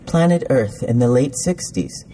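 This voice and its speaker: A man's voice: medium pitch, animated, unhurried, background noise. A man telling a playful, campy sci-fi story in scripted narration.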